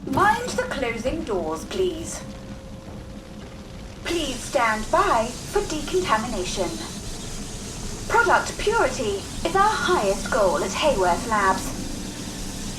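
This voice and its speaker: A woman voicing a calm, polite automated factory announcer in a video game, measured and formal. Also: high voice, heavily acted. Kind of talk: scripted public-address announcement in a game. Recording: distant echoing announcement, noisy ambience.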